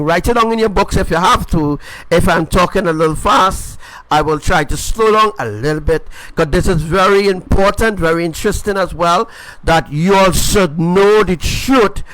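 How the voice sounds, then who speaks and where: A man's voice: high-pitched, a bit bright, no echo, poor audio. A man preaching an informal sermon, emphatic and repetitive, often checking in with his listeners. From Caribbean.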